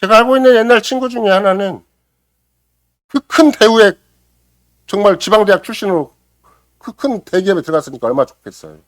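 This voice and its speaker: A middle-aged man preaching a Sunday morning sermon, dramatically acting out quotes and swinging between loud exclamation and hushed near-whisper. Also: sits high, brisk, long pauses, no room sound. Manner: acts out quoted voices and prayers dramatically. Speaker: pastor. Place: church sanctuary.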